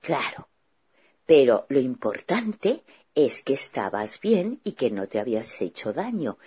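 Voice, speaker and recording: A woman hosts a children's show in a very deep, husky voice. She talks with a lively, swinging intonation and patiently reassures a child character, explaining things simply. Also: unhurried.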